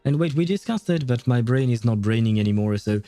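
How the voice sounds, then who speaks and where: A male gaming streamer with a mellow, mid-pitched voice. He comments casually on his playthrough, often hesitating as he thinks aloud. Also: expressive, brisk, soft background music.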